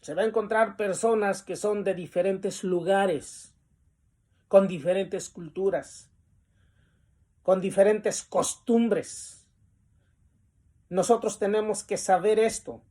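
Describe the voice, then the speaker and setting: Slow, deliberate male Bible teacher. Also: high-pitched, warm tone. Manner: reads definitions from a lesson text, then explains them; deliberate, with pauses and the filler "este".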